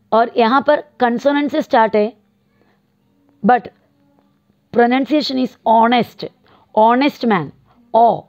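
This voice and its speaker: A woman teaching a grammar lesson, explaining slowly and drawing out example words as she switches between two languages. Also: fairly high pitch, muffled recording. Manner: slow, drawn-out explanations mixing Hindi and English. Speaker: English teacher.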